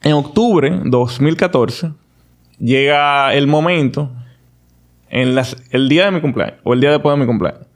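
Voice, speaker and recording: A man, a podcast guest telling his story in a casual, animated, confident way with frequent restarts. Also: mid-range voice, normal speed.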